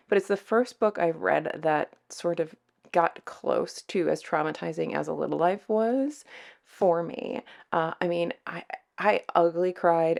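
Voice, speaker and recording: A woman's voice: lowish voice, creaky, darkish tone. A woman chatting casually to viewers as a book vlogger giving a review.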